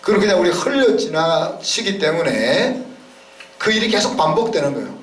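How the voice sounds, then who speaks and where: A man's voice: high-pitched, big pitch swings, normal speed, a little hiss or hum. A man, a pastor, preaching a sermon in a conversational way, often checking in with the congregation. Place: church sanctuary. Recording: roomy church sound from a distance.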